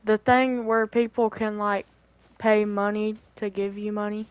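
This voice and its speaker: A woman out hunting at dusk makes teasing, sarcastic remarks in an easy chatty tone. Her voice sits at an ordinary pitch, and the recording sounds dull and muffled. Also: little pitch movement, measured pace, smooth, dry recording. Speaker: hunting companion. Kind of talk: casual chat while hunting. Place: outdoors at dusk.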